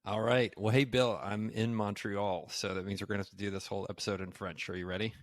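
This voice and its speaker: Low-voiced man, casual podcast host. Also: quick pace, dry recording. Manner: relaxed, rambling with many fillers.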